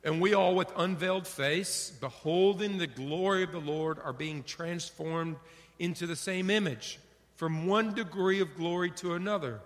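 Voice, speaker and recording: A middle-aged male pastor preaching a sermon, animated, acting out little dialogues for his congregation. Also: high-pitched, moderate pace. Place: church sanctuary. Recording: long hall reverb.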